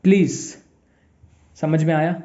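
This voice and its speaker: A young man with an Indian English accent gives a casual recorded maths lecture, playfully acting out students' replies and teasing them. His voice sits high but mellow and soft-edged. The recording sounds slightly dull and lo-fi. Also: steady tone, slow. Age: young adult. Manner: chatty, playful, plays imagined students back and forth. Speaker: maths teacher.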